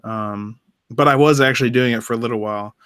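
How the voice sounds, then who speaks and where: A man's voice: mid-range voice, quick pace, a bit bright, clear, resonant tone, dry recording, clean studio sound. A young man who laughs often, chatting casually with a streamer on a call. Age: young adult. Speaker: guest. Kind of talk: casual chat.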